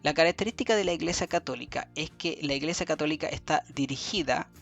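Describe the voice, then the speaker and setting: Man teaching slowly, stressing key words. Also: fairly high pitch, creaky, fairly bright tone. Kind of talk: classroom review lesson. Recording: faint music behind.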